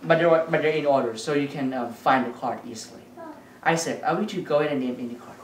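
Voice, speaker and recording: A woman's voice: very deep voice, quick pace. A woman performing as a magician at a children's party, giving patter and instructions and putting questions to the young audience. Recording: echoey room, distant mic, noisy background.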